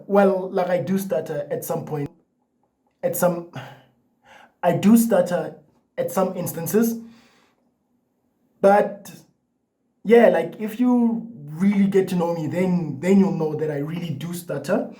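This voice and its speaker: Speaking casually to the camera, this young man has a high-sitting, warm voice captured in a rough recording. He's a vlogger who stutters, repeating words and starting over, and he peppers his loose talk with "like" and "you know."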